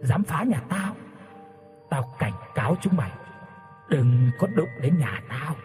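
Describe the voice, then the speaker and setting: A man's voice: a little high, big pitch swings, takes it slowly, a little mellow, long reverb tail, faint music behind. A man voicing a menacing tree spirit that hisses threats through a possessed man, in a spoken ghost story. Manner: hissing threats.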